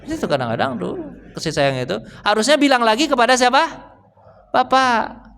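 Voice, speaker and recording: A man's voice: extremely high pitch, big pitch swings, normal speed, creaky, fairly bright tone, clear, resonant tone. A man giving a casual religious study talk at a mosque, chatting with the congregation, asking them questions and acting out family dialogue. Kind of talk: casual sermon. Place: mosque hall. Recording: long reverb of a mosque hall.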